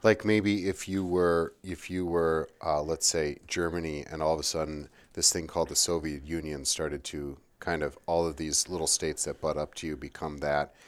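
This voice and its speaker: A man's voice: rumbling low, steady tone, normal speed, hardly any pauses. A man in a casual history chat, rambling and checking in with his partner as he goes.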